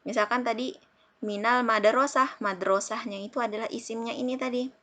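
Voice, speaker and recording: A woman Arabic teacher with an Indonesian accent, giving a recorded lesson and slowly drilling word forms one by one. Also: a little high, fairly even intonation, fairly bright tone.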